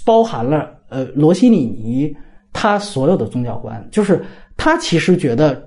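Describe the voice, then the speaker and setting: A man hosting a casual film podcast, explaining his reading of a film at length. His pitch rises and falls in an animated way, and his voice has a dark, mellow timbre. He acts out quoted lines as he goes. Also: normal speed. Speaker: podcast host, film critic.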